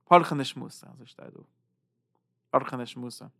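A man teaching a Zohar lesson, halting and repeating words, swinging between loud and soft. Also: medium pitch, vocal fry, no room sound, clean studio sound. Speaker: Torah teacher.

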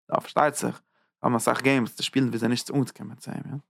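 Gravelly-voiced man giving a Torah lecture. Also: medium pitch, little pitch movement, a bit bright, no room sound, studio quality. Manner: tags points with quick "ja?" checks; repeats and restarts phrases while building an idea. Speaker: rabbi teaching Zohar.

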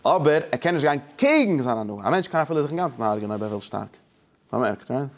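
Man, religious study lesson, emphatic explaining, halting restarts, mixes in English words, mid pitch. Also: big pitch swings. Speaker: teacher.

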